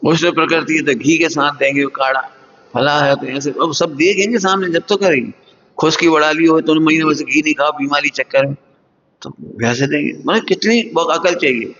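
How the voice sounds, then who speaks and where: A man giving a morning religious sermon to students, teaching with lively, acted-out scoldings and frequent chuckles. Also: normal speed. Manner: lively, acts out scoldings with sudden high jumps; chuckles often while teaching. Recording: echoey hall, dull lo-fi sound.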